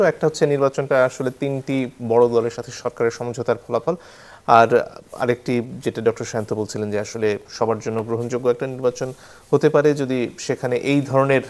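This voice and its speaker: Measured male talk show host. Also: mid-range voice, a little mellow. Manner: measured, hesitant with fillers before questions.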